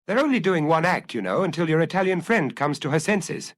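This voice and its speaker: A man's voice: on the high side, expressive, fairly quick, a bit bright, pitched above the performer's own voice. A man voicing an earnest, grave theatre man who talks anxiously.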